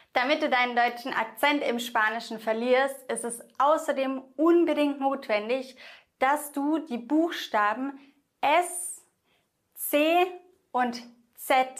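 Slow, careful woman teaching pronunciation. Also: high-pitched. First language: German. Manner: slow, careful, repeats example words for the listener to echo. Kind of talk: online language lesson.

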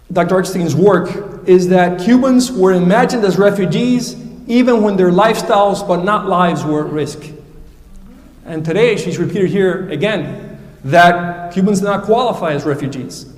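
Man debating in a lecture hall, pointed and academic, high voice, roomy echo. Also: measured pace, darkish tone. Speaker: debate speaker. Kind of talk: formal critical debate remarks. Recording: echoey hall, distant mic.

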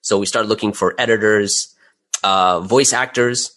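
A man's voice: lowish voice, fairly even intonation, measured pace, sharp tone. A middle-aged man speaking casually as an interview guest, candid and self-deprecating about his own work as a creator. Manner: candid, self-deprecating, chuckles while talking.

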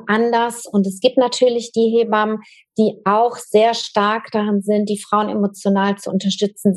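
A woman guest in an interview, talking casually and thoughtfully about her work as a trainer, with frequent fillers and restarts. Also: a little high. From Germany.

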